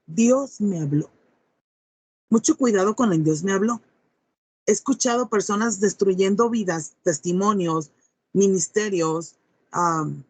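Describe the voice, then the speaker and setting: A woman's voice: medium pitch, no echo. A woman preaching a sermon, reading scripture aloud and then expounding it with emphatic rhetorical questions to her listeners.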